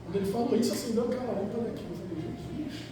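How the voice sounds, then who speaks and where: High-voiced man preaching in an echoey church. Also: racing, recorded from a distance, background noise. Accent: Rio de Janeiro Portuguese. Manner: animated, storytelling with acted quotes and rhetorical questions. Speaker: evangelist preacher. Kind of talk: Pentecostal sermon. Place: large church hall. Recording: very echoey church hall, music behind.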